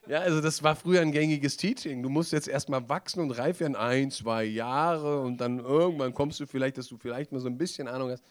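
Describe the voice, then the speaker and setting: A man preaching in German, conversational and lively, often turning to the audience with questions. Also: medium pitch, brisk, hardly any pauses. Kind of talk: sermon.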